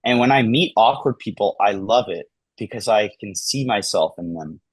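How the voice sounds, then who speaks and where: A man in his thirties talking casually as a podcast guest, acting out everyday conversations in lively voices and often saying "like" and "man". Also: on the low side, moderate pace, breathy edge, dry recording. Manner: animated, acts out dialogue in lively voices, says "like" and "man" often.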